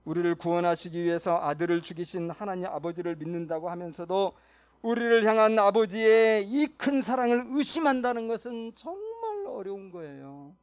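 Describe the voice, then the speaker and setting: A male pastor preaching in a church with a high voice for a man. He preaches in an animated way, swinging between soft asides and loud, emphatic lines. He keeps putting short questions to the congregation. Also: fairly quick, clean tone. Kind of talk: sermon. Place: church sanctuary.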